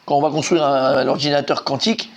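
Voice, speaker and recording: A man giving an informal, animated Talmud class, quizzing his students and repeating key points. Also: mid-range voice, fast, gravelly, a crowd in the background. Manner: lively, animated, asks students questions, repeats himself. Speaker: rabbi teaching Talmud.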